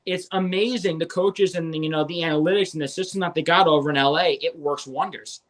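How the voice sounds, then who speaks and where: High-voiced young man talking baseball stats. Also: fairly even intonation, fairly quick, fairly bright tone. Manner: rattles off stats enthusiastically. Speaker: co-host. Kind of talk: fantasy baseball podcast chat.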